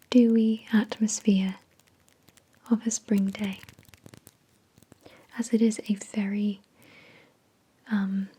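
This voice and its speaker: A woman hosting an ASMR product review in a soft, breathy whisper, with an unhurried, measured delivery. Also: medium pitch, poor audio. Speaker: ASMR video host.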